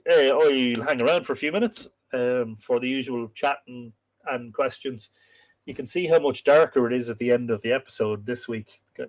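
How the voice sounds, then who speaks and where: A man's voice: medium pitch, low-quality recording. Lilting Irish storyteller, a man hosting casually. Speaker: host and storyteller of a live myths show. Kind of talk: casual live-stream chat, reading out and answering viewer comments.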